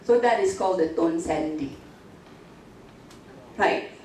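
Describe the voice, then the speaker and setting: A woman's voice: on the low side, takes it slowly, darkish tone, far from the mic. A Malaysian woman giving an interactive university lecture, quizzing her audience with frequent tag questions like "right?" and "okay?". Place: university multimedia classroom. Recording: echoey classroom, mic from afar, faint hiss.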